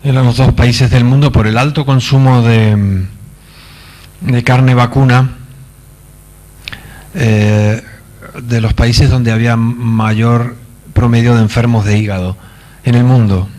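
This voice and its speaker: A man from Argentina, giving a conference talk in a halting manner with many fillers and wry asides. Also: medium pitch, fairly even intonation, darkish tone. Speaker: conference speaker. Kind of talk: lecture. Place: conference stage.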